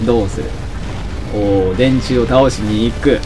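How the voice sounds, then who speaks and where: A young man giving excitable let's-play commentary, often shouting and laughing at the action. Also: lowish voice, measured pace, over music. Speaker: game commentator.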